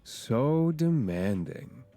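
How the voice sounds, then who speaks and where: A woman voicing Casper, a flirtatious, smug male death spirit in a story game, drawling her words slowly and teasingly. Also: rumbling low, big pitch swings, dark tone, faint music behind, voice pushed down, exaggerated voice.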